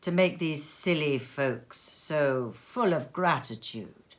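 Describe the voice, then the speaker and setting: A woman voicing a calm ghost in a storybook reading, measured, probing and gently insistent. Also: low voice, voice pushed down. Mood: dismissive. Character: calm, probing ghost spirit questioning an old miser.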